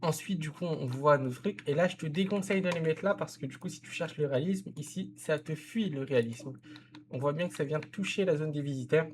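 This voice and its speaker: A man's voice: fairly high pitch, fairly quick, slight background noise. A man casually commenting on a zoo-building game, giving direct advice to the viewer and often correcting himself. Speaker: game content creator reviewing a viewer's zoo.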